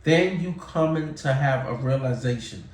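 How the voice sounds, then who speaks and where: A man's voice: medium pitch, moderate pace, distant mic, a little hiss or hum. A man in his forties giving candid, casual advice to camera, repeating himself and using fillers. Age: 40s. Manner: candid, repetitive, conversational with fillers. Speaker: YouTuber. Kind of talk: casual talking-head advice. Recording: roomy sound, mic set back.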